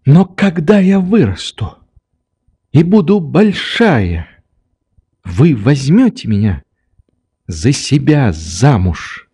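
A man's voice: mid-range voice, sing-song, takes it slowly, long pauses, dark tone, husky, pitched above the performer's own voice, heavily acted. A man voicing a mischievous, capricious sick young girl who teases and plays in an audiobook. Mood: teasing. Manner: teasing, playful. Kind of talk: audiobook character reading.

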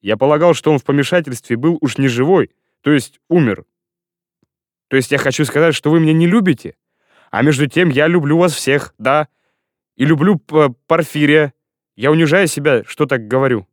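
A man's voice: fairly high pitch, normal speed, no echo, clean studio sound, voice pushed up, lightly acted. A man reading aloud, voicing a drunk, self-pitying elderly general who rambles and pleads. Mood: pleading.

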